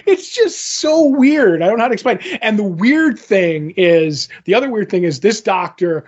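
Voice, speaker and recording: A man in his fifties chats as a podcast co-host, his voice sitting high for a man. He rambles through anecdotes and acts out every line of dialogue, laughing easily as he goes. The recording is dull and lo-fi. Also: sing-song, normal speed, husky. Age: 50s. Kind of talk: casual chat.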